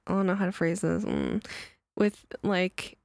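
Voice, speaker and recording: A woman's voice: lowish voice, steady tone, unhurried, vocal fry, darkish tone, dry recording, studio quality. A young woman from El Salvador chatting casually on a podcast, hesitant and full of filler words. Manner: hesitant, lots of likes and I don't knows. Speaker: podcast co-host.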